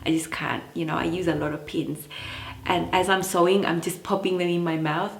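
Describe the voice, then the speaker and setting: A woman's voice: on the low side, a little hiss or hum. A woman from Chile, a sewing vlogger chatting casually to camera and laughing often between points. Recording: echoey room.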